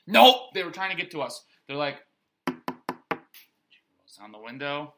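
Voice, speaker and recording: A young man co-hosting a podcast, telling a story in an animated way among friends. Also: on the high side, measured pace, background noise. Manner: animated storyteller, acts out quotes, swears casually. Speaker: podcast co-host. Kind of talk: casual chat, storytelling.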